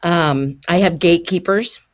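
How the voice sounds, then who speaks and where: An older woman hosting a podcast, giving encouraging coaching advice in a relaxed conversational way and often laughing as she talks. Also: fairly low pitch, measured pace.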